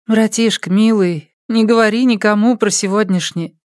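A man's voice: sits high, moderate pace, a little mellow, no echo, clean studio sound, pitched above the performer's own voice, lightly acted. A brazen, mocking young village woman, as a male reader puts her on. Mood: soft, confiding. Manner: taunting and coaxing.

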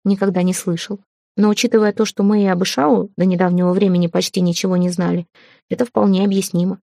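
A woman's voice: mid-range voice, little pitch movement, quick pace, gravelly, dark tone, no room sound, studio quality, natural voice. A woman reading the part of a proud, hot-tempered young prince who turns from irony to stern pleading. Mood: irritated.

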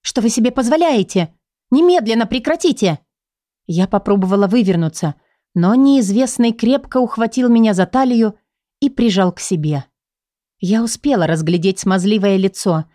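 A woman narrating a first-person audiobook in an expressive, measured way. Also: mid-range voice, dry recording, clean studio sound.

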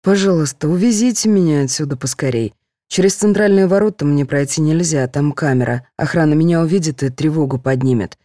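A woman's voice: sits low, a little fast, mellow, dry recording, studio quality, natural voice. A woman doing a whiny young patient. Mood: pleading. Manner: whining, pleading.

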